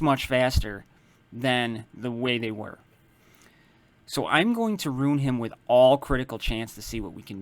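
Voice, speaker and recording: A man talks through a game character setup in a loose, explanatory way, often stopping to correct his own wording. His voice sits at an ordinary middle pitch. It is recorded dry and close, with no room sound. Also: no echo. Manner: relaxed, explanatory, starts many lines with "so"; self-correcting, loose phrasing. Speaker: mobile game guide maker. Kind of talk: casual game strategy walkthrough.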